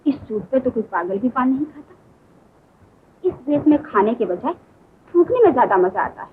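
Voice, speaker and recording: An actress playing a gentle but stubborn young sister-in-law, pleading and coaxing in theatrical 1950s film style, on a tinny old soundtrack. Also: female voice, fairly high pitch, very animated, moderate pace, slight background noise. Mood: dry, teasing. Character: gentle, stubborn young bhabhi who tames her drunk brother-in-law. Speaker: devoted sister-in-law in a family drama. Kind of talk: 1950s Hindi film acting.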